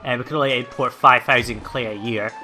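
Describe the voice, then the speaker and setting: A man hosting a let's play, giving relaxed gameplay commentary and thinking aloud with plenty of ums and uhs. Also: medium pitch, quick pace, faint music behind.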